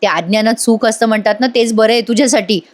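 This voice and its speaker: A woman's voice: a little high, fast, lightly acted. Modern young daughter, breezy, impatient, coaxing, woman reading the part. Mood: exasperated. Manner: coaxing, exasperated.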